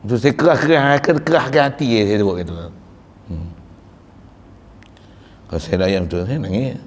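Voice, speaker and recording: A man from Malaysia, a religious teacher giving a tearful, fervent devotional sermon that drops to soft pleading prayers. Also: medium pitch, normal speed, breathy edge. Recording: reverberant hall.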